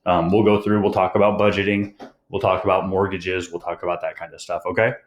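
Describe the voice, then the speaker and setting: A man's voice: low voice, little pitch movement, brisk, highs cut off. A young man teaching students in a recorded online lesson, rambling with many fillers and a bit out of breath. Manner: rambling, many "um"s and "you guys". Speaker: high school teacher.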